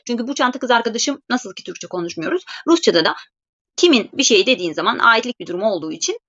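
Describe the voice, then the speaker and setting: Woman, language teacher, live online lesson, patient step-by-step explanations, slow careful example phrases, dull lo-fi call audio. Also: on the high side, sharp tone.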